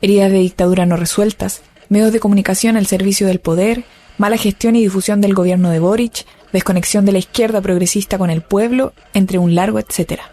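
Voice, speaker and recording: A woman's voice: mid-range voice, fairly even intonation, brisk, dark tone, soft background music. A Chilean woman giving scripted documentary narration in an earnest, rallying way.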